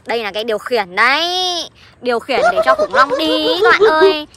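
A woman's voice: sits high, wildly swooping pitch, brisk, background noise. A woman presenting toys to viewers in a chatty, show-off playful manner. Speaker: young toy-show presenter. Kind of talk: playful toy play chat.

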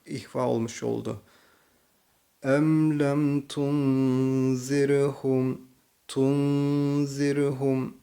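A man with a Turkish accent teaching slow Quran reading, patiently explaining each letter and then reciting the words slowly and drawn out. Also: mid-range voice, vocal fry, mellow. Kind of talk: slow tajweed reading lesson.

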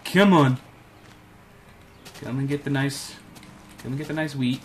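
A man talks his way through a video game at an easy, slow pace, muttering to himself and calling out to the animals on screen. His pitch sits in the ordinary middle range, and a faint hum runs under the recording. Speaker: gameplay commentator. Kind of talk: casual let's-play commentary.

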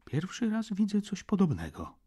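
A man's voice: sits high, wildly swooping pitch, normal speed, mellow, breathy edge, voice pushed up, exaggerated voice. A man reading an audiobook, voicing a scornful male lawyer who murmurs asides.

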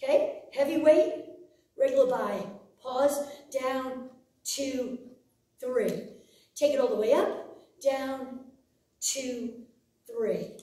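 A woman's voice: high voice, slow, pauses often, mellow. A middle-aged woman leading an exercise class as an aerobics instructor, cueing reps with short, encouraging commands, recorded by a distant camera in a studio. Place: large indoor exercise studio with hard floor. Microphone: far camera. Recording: roomy echo, distant camera mic.

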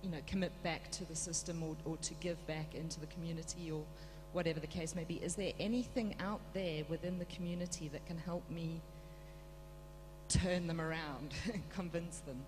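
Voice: medium pitch, fairly even intonation, normal speed. An audience member politely explaining a question at a conference in a large, echoing room. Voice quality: echoey. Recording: echoey hall, loud electrical hum.

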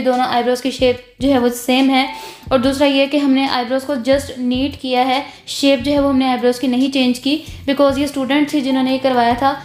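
A woman's voice: high voice, darkish tone, echoey room. A woman, giving a beauty tutorial voice-over in an instructive way, mixing in English words. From Pakistan. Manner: instructive, repeats "jo hai", mixes English words. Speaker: beautician teaching eyebrow threading.

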